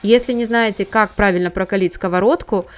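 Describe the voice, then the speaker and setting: Calm woman narrating cleaning steps. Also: medium pitch, a little fast, soft background music. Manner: calm, instructive, step by step. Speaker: home cleaning tips host. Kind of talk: scripted how-to voice-over.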